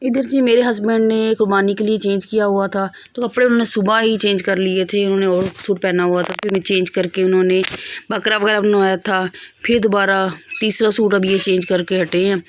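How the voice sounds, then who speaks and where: A hoarse young woman, a mother, chatting affectionately to the camera in a casual home vlog. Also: medium pitch, fairly even intonation, a little fast, slight background noise. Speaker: mother vlogger. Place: family home indoors.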